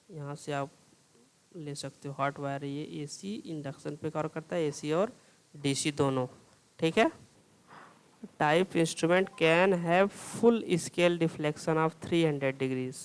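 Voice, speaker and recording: Man, lecture style, slow, clear smooth voice, reads questions then explains. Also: a little high, poor audio. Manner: reads English questions slowly, explains in Hindi with repeated "theek hai". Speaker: teacher. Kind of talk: exam-prep lecture solving multiple-choice questions.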